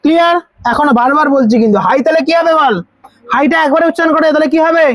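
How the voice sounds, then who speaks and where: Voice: high-pitched, quick pace, fairly bright tone, dry recording, rough recording. A tutor with a Bengali accent teaching grammar to school students, asking questions, repeating the answers and spelling words out letter by letter.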